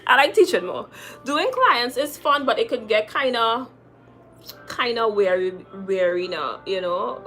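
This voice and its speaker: Faint music plays behind a young Trinidadian-accented makeup artist as she chats on her livestream and reads out viewer comments. She speaks at a fairly high pitch and a little slowly. Chatty and upbeat, she repeats her phrases for emphasis and calls viewers "sis" and "girl."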